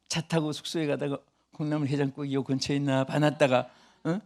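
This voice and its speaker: An older man preaching a revival sermon, booming and emphatic at his peaks, then easing into chatty asides to the congregation. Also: gravelly, darkish tone. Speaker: pastor.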